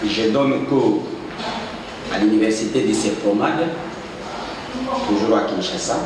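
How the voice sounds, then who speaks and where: A man's voice: fairly low pitch, a little slow. A man, a university economics lecturer, giving formal, explanatory interview answers. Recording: echoey room, far from the mic, noisy.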